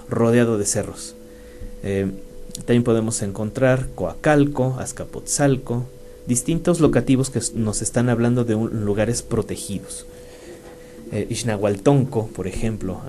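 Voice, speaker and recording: A man's voice: fairly low pitch, warm tone. A man with a Mexican Spanish accent, hosting a radio talk and explaining things with frequent fillers and restarts. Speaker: radio show host. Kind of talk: educational radio talk on place names. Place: radio studio.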